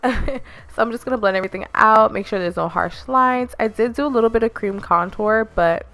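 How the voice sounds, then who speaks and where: A woman's voice: a little high, normal speed, a bit bright. A young woman narrating a makeup tutorial in a chatty, instructive way, with a self-deprecating joke here and there. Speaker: beauty vlogger.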